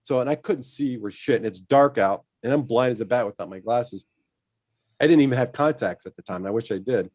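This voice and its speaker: A man telling lively stories as a guest in a casual chat, often laughing as he talks. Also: mid-range voice, fairly quick, dry recording. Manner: animated storyteller, laughs while telling stories.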